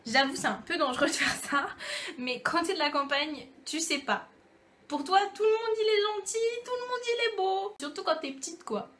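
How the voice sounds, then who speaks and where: In a very high-pitched, slightly bright voice at normal speed, a young French woman delivers a playful, chatty YouTube vlog to camera, turning parts of her casual comic monologue into little acted-out dialogues.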